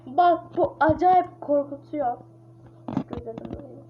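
Through a dull, hissy lo-fi mic comes a high female voice speaking a little slowly. She's a gamer doing casual let's-play commentary on a horror game, chattering and crying out in panic as she plays.

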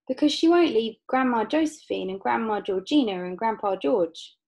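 Woman acting eager, high-voiced little Charlie. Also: expressive, normal speed, gravelly, a little mellow. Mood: anxious. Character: eager, earnest little boy.

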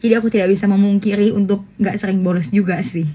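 A woman's voice: medium pitch, steady tone, fast talker, noisy background. A young woman in her twenties chatting casually on a phone livestream, answering follower questions with jokes and bursts of laughter. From Indonesia.

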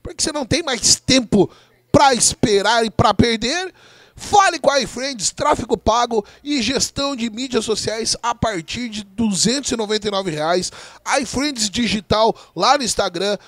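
Brazilian man, football play-by-play, very high pitch, shouted touchdown-style calls with stretched words, dry sound. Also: animated, normal speed, dry recording. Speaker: American football play-by-play commentator. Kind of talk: excited live sports commentary with drawn-out big-play calls.

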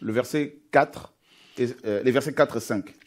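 A man's voice: medium pitch, moderate pace. A man preaching a sermon, reading scripture aloud and building to emphatic, rising passages. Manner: emphatic, builds intensity on key points.

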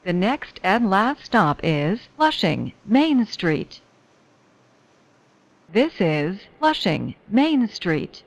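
A woman reading scripted train announcements in a measured, formulaic way. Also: mid-range voice, very animated. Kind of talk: scripted subway station announcements.

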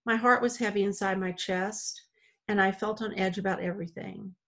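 A woman reading a children's novel aloud in a plain, steady storytelling way. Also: mid-range voice, moderate pace. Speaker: audiobook reader.

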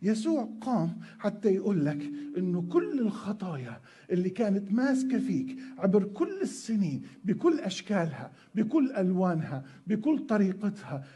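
A man's voice: high-pitched, very animated, normal speed. A male pastor preaching a sermon, emphatic, repeating words and asking rhetorical questions.

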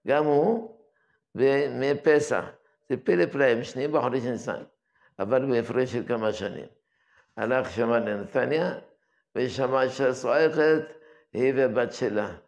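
An older man, head of a yeshiva, giving a daily religious lesson and reminiscing in an unhurried, anecdotal way. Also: medium pitch, darkish tone.

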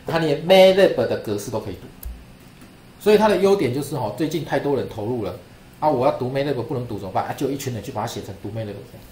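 Chatty lecturer in a classroom. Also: male voice, mid-range voice, darkish tone, roomy sound, a little hiss or hum. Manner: chatty, repeats himself, asks "right?". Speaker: statistics lecturer. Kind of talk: classroom screen-share lesson.

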